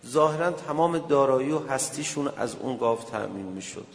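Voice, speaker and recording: A man's voice: mid-range voice, expressive, vocal fry. A man preaching a sermon, earnestly exhorting his listeners and retelling religious stories. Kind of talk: sermon with storytelling. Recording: reverberant hall.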